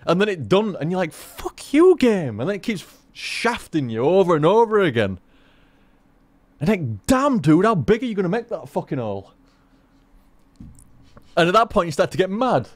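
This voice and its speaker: A man rambling through casual gameplay commentary, swearing freely and talking in an animated way. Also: high-pitched, normal speed, pauses often, no room sound. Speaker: gaming commentator.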